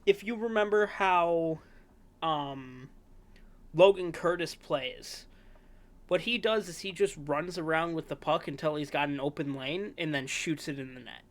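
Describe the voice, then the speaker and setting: A male podcast host with a fairly high voice talks through a sports preview at an unhurried pace. He rambles casually, fills pauses with "yeah" and "um", and corrects himself mid-sentence. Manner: relaxed, rambling, with frequent fillers and self-corrections.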